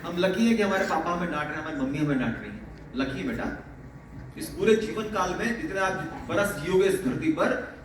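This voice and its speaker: A male teacher giving a motivational talk to students in a fatherly way, laughing often. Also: high voice. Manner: fatherly, calls listeners "beta", often laughing. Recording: very echoey, distant mic, faint noise.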